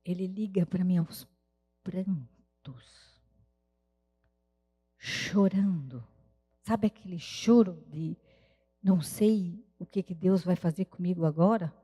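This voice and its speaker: A missionary woman gives an earnest, heartfelt sermon testimony with prayerful pauses at a church service. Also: fairly low pitch, mellow, breathy edge. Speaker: missionary preacher. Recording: reverberant church hall.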